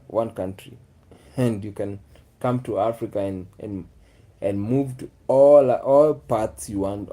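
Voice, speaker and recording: In a relaxed live chat with viewers, a vlogger from Kenya talks in a musing way and frequently repeats himself. His voice is medium in pitch with a dark tone.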